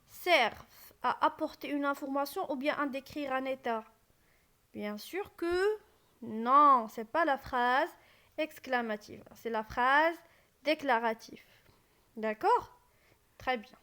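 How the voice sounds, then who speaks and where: Slow high-voiced woman teaching grammar. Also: sharp tone. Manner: repeats key phrases, asks rhetorical questions. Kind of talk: slow classroom explanation.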